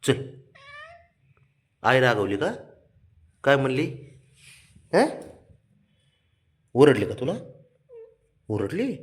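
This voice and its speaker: A man at home coaxing and teasing his pet cat in a lively sing-song way. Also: medium pitch, extremely slow, long pauses. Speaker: cat owner talking to his cat. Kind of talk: casual chat with a pet.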